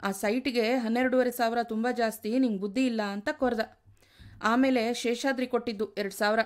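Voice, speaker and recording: A woman's voice: fairly high pitch, steady tone, normal speed, close to an everyday voice. A woman reading aloud and voicing a quarrelsome retired man of seventy-five who raises his voice. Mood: indignant. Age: over 60.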